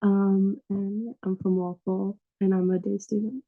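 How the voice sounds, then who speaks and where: A woman's voice: medium pitch, flat delivery, a little slow, no echo. A teenage girl student chatting upbeat about her school on a video call. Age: teens. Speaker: student panelist. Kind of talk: casual self-introduction and answers. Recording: tinny phone-like video call audio.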